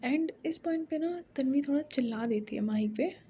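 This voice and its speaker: A woman's voice: high voice, moderate pace, dark tone, a little hiss or hum. A young woman telling a love story in a chatty, casual way, dropping in English filler words.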